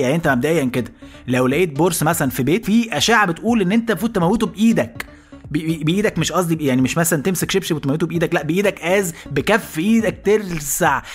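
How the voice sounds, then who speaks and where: Egyptian comedy host, quick-talking, high voice, light music behind. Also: male voice, slightly rough. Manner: rapid, animated, jumps into voices. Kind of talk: comic storytelling monologue.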